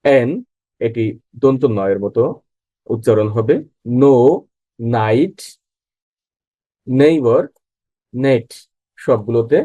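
Slow, mellow male English teacher. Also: mid-range voice, no room sound, low-quality recording. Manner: reads example words one by one, then explains each sound. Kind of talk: slow spoken pronunciation lesson.

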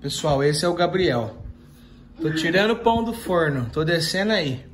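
A young man with a Brazilian Portuguese accent talks in a high, bright voice while filming his family on a phone. He jokes and teases constantly, in a loose home-vlog style. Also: lively intonation, moderate pace, crowd noise. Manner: joking, teasing, laughing. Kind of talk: casual vlog chat. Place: home kitchen, indoors. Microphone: phone camera he holds.

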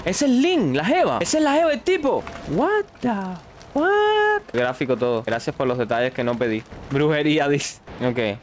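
A man's voice: on the high side, very animated, moderate pace, a little hiss or hum. Jumpy man streaming a horror game. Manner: jumpy, panicky, shrieks at scares. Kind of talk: live horror gameplay commentary.

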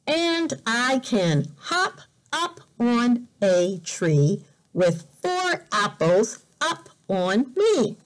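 A woman teacher reading a picture book aloud to children in a deliberate, exaggerated way, repeating words for learners, recorded indoors on a device camera. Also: medium pitch. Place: indoors in a room by a bright window.

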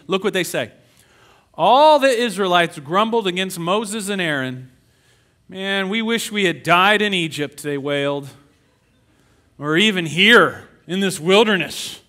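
A middle-aged man preaching a sermon as pastor, animated, breaking into whiny put-on voices when acting out complaints. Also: sits high, measured pace.

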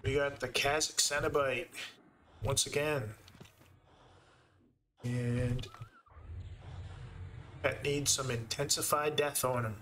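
A man's voice: mid-range voice, fairly even intonation, takes it slowly, pauses often, pushed and bright, slight background noise. A man with a Canadian accent giving easygoing live commentary while he plays a game and thinks aloud. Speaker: game streamer.

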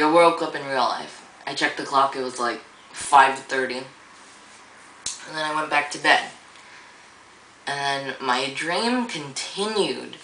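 A woman's voice: rumbling low, sharp tone, roomy sound, recorded from a distance, rough recording. A young woman vlogging in a rambling, casual way, full of fillers and easy swearing, with a groggy morning voice. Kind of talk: casual vlog monologue.

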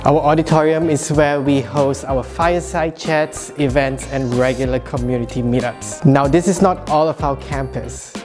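A man's voice: medium pitch, fairly even intonation, moderate pace, few pauses. A man guiding a walking tour of a coding campus, cheerful and welcoming with playful asides. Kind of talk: scripted walking tour narration. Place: large open-plan campus building indoors. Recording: music playing behind.

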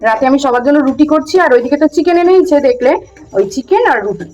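A woman's voice: high voice, lively intonation, fast talker, a little mellow, lo-fi sound. A young adult woman chatting to viewers and showing off things around her home. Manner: chatty, listing items to viewers. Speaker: vlogger. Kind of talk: casual home vlog narration.

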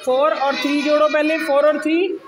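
A woman's voice: sits high, fairly even intonation, normal speed. A woman teaching young pupils in a classroom, patiently explaining step by step and coaxing answers with questions. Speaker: primary school teacher. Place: busy classroom. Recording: noisy classroom recording.

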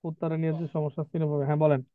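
A man's voice: on the high side, little pitch movement, rapid-fire, clear, resonant tone, no room sound. A man teaching an online vocabulary class, drilling spellings and pronunciation with chatty asides. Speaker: English teacher. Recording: tinny dry online call.

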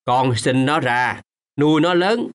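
A man's voice: medium pitch, slow pace, smooth, natural voice. A man playing a remorseful old grandfather. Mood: stern. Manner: gentle, then firm and scolding. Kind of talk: radio drama acting.

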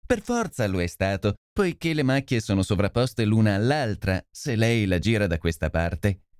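A man's voice: on the low side, sing-song, normal speed, smooth, dry recording, studio quality. A man voicing a smug, boastful police inspector who talks down to the famous detective. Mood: smug, condescending. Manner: self-satisfied, condescending.

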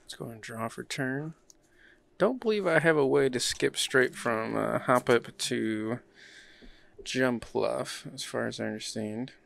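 A man's voice: mid-range voice, measured pace, gravelly, a bit bright. A man hosting and playing a card game, thinking aloud in an easygoing way. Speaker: card game player and channel host. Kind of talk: casual play-by-play while playing a card game.

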